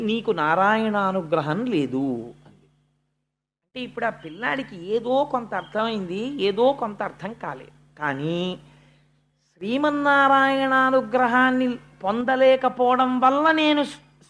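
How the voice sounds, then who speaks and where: An older man giving a devotional sermon, telling the story expressively, acting out quoted lines and dragging out words for emphasis. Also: very high voice. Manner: acts out quoted lines, swings between soft and loud; drawn-out stresses and slow emphatic phrases. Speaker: religious discourse speaker.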